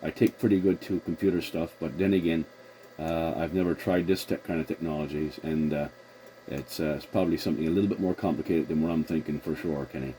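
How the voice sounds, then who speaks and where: He has a bass voice, mellow and fairly even in intonation, moving a little fast. As host of a casual CB radio conversation, this CB operator and video host follows radio call procedure and rewords as he speaks; the recording is noisy.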